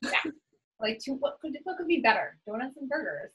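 Bright, chatty young woman. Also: high voice, very animated, brisk, poor audio. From New England. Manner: chatty, uses "like" a lot, upbeat. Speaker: interviewee. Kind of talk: casual conversational interview.

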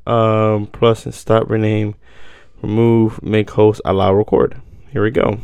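A man's voice: on the low side, little pitch movement, unhurried, vocal fry, a little mellow, clean tone. A man co-hosting a podcast over a remote video call from a tablet, talking in slangy, playful, jokey banter. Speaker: podcast co-host. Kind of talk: casual chat. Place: home, remote call on iPad.

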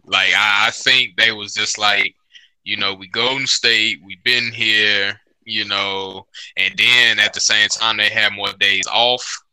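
A man's voice: fairly low pitch, steady tone, slow pace, sharp tone, clear, resonant tone, no echo, low-quality recording. A man in casual sports chat, talking in a slangy, bro-heavy buddy manner.

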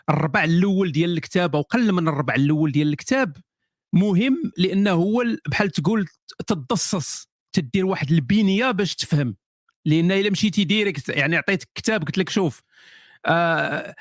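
A man's voice: fairly high pitch, no echo, clean studio sound. A man with a Moroccan accent chatting casually on a live stream as an author answering viewers, sardonic, often repeating and restarting his phrases.

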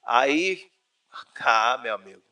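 A man with a Brazilian Portuguese accent, telling a personal story in a casual interview. He talks in a lively, animated way. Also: mid-range voice, slow, distant mic. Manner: animated storyteller, says "cara" often. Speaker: interview guest. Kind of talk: personal testimony, casual conversation.

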